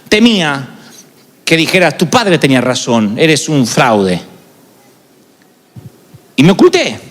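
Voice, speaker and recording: A man's voice: sits high, a bit bright, in a large hall. A male pastor preaching a sermon, confessional and dramatic in his storytelling. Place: large church arena.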